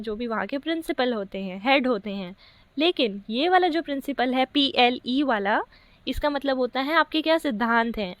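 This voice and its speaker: A woman teaching English grammar for an exam, asking rhetorical questions and reading sentences out slowly. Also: sits high, a bit bright, no room sound. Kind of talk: exam-prep lesson.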